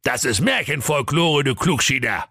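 A man voicing a sly, defensive big bad wolf in a gravelly, dismissive way. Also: medium pitch, lively intonation, moderate pace, pushed and bright, no echo, clean studio sound, pitched above the performer's own voice, exaggerated voice. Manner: gravelly, dismissive, casual colloquial.

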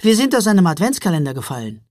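Excited, fast-blurting young boy for a storybook, voiced by a male narrator; high and quick. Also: no echo, clean studio sound.

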